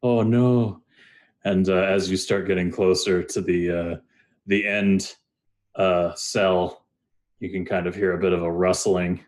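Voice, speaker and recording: A young man with a deep, slightly mellow voice narrates a tabletop game as its game master. He rambles constantly, filling his speech with lots of "uh" and "like."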